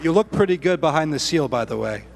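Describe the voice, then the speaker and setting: A man interviewing a guest on stage, flattering, with joking asides. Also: a little high, fast, vocal fry. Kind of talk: onstage interview. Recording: echoey hall with faint hum.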